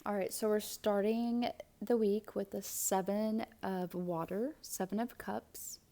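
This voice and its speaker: A woman giving a casual tarot reading, chatty, with fillers and soft whispered asides. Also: medium pitch, steady tone. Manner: slow, thoughtful delivery with fillers. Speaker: tarot and astrology reader.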